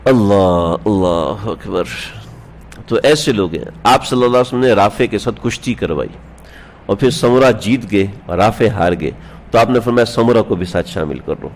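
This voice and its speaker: A man's voice: lowish voice, slight background noise. A male religious scholar giving a sermon, telling stories with rhetorical questions to his listeners and chuckling now and then. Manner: chuckles while telling anecdotes. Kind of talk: Urdu sermon on the Prophet's life. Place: standing on a prayer mat, indoors.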